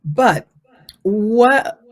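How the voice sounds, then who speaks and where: A woman's voice: medium pitch, lively intonation, drawn-out words. A woman in her forties, raised in Uganda, speaking earnestly and reflectively as an interview guest about parenting, drawing out words for emphasis. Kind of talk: conversational interview storytelling.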